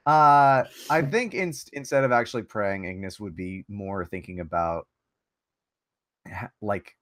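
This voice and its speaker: A man playing a tabletop game, talking in casual banter with a wry, halting, joking manner. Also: fairly low pitch, a bit bright, no echo, studio quality.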